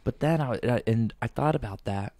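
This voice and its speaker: A young man co-hosting a casual podcast, rambling and animated, with lots of fillers. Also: mid-range voice, normal speed. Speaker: podcast co-host. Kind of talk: casual chat.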